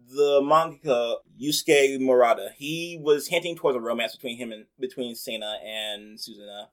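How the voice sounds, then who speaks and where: Chatty man with a mid-pitched voice. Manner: chatty, rambling, many "like" fillers. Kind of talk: casual chat.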